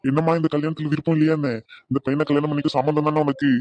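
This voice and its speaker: Guy doing a bossy cartoon priest, rattling off orders super fast, kinda high voice. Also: flat delivery, a little mellow, muffled recording, natural voice. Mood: rushed. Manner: hurried, ordering people about. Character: hurried male wedding priest, bossy. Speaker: wedding priest.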